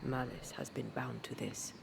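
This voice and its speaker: A woman voicing a calm, grave ghostly wife in a video game, speaking low and hushed, heard as distant game audio. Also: normal speed, vocal fry, full character voice. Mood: solemn. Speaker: game character. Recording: distant game audio under noisy stream.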